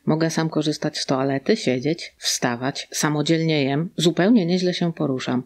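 A middle-aged woman reading a first-person excerpt from a novel aloud, calm and measured, in a library. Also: deep voice. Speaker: reporter reading a book excerpt. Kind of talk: read-aloud book excerpt. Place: library reading corner, indoors.

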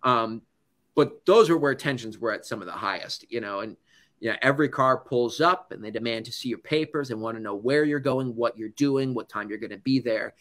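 A male news correspondent from the United States tells stories to an audience. His talk is casual and loose, with "like" and "you know" all through it, at an ordinary middle pitch. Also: fairly quick, a bit bright.

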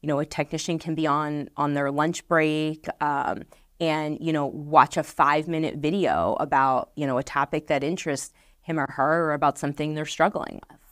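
A woman's voice: sits low, fairly even intonation, normal speed, fairly bright tone, no echo. A middle-aged woman answering questions as a guest in a studio interview, earnest and full of fillers and restarts. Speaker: marketing director guest. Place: podcast studio set.

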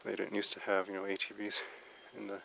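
A man hiking in the woods, musing aloud in casual halting commentary for his video. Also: on the low side, completely flat delivery, gravelly. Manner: musing, halting, soft-spoken. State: out of breath. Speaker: vlogger exploring for Bigfoot signs. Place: outdoors in a mountain forest. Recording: noisy outdoor camera audio.

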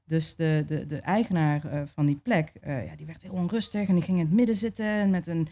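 Mellow-voiced woman telling a story. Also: low-pitched, a little fast. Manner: hesitant, many fillers and restarts. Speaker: interview guest. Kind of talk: relaxed conversational storytelling.

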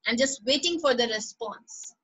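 A Pakistani woman with a high, bright voice teaches an online class over a computer microphone on a call, in a muffled, slightly rough recording. At a normal pace, she praises students by name and patiently repeats each instruction.

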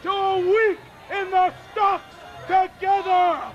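A man playing a pompous, exasperated village judge in mock archaic English on an outdoor ren faire stage, loud and declamatory. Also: very high voice, flat delivery, takes it slowly, music in the background. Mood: stern, declaiming. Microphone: far camera. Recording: dull outdoor camcorder audio, crowd behind.

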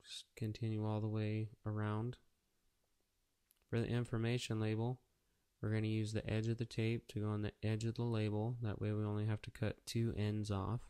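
An auto painter narrates a casual step-by-step how-to tutorial, keeping it plain, practical and matter-of-fact. His voice is on the low side, monotone, mellow and smooth, at a moderate pace.

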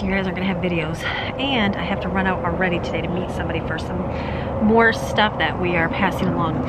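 The audio is very noisy, and the woman's voice sits fairly low. She's a family vlogger in her forties going over a grocery haul on a handheld camera, rambling casually and laughing often, from a kitchen counter indoors to a porch outside.

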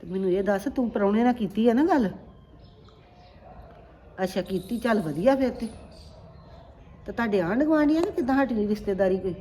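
A middle-aged woman playing a mother looking for a bride for her son, chatty and lively in her talk. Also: medium pitch, brisk, pauses often, slight background noise, close to an everyday voice. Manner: chatty, animated on the phone. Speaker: mother of the groom.

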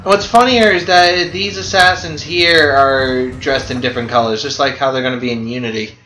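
A man giving casual let's-play commentary, excitable, swearing and laughing often. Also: medium pitch, normal speed, echoey room, slight background noise. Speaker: gameplay commentator.

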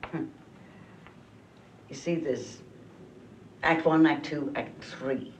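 An actress playing a weary, patient playwright who speaks slowly and deliberately. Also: female voice, rumbling low. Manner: slow and deliberate, coaxing. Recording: roomy, distant film audio with faint hiss.

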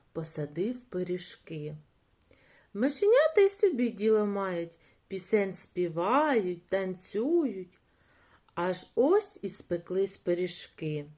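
Gentle woman storyteller for kids, slow and animated. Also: mid-range voice. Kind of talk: reading a fairy tale to children.

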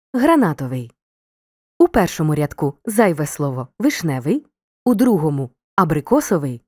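Woman teacher reading a scripted lesson, mellow and lively, dry studio sound. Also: fairly low pitch, dry recording. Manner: clear, deliberate dictation of examples.

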